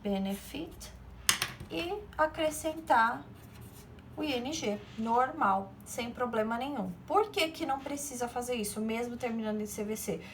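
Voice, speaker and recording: Woman teacher doing a recorded lesson, kinda high voice, slight hiss behind. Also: normal speed. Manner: explains step by step, asking pupils short checks like "né?" and "beleza?". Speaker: English teacher.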